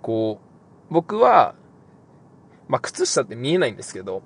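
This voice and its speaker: A man's voice: medium pitch, moderate pace, husky. A young man hosting a casual podcast and answering listener questions, easygoing and rambling with lots of fillers. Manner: relaxed, rambling, many fillers. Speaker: podcast host, pro basketball player.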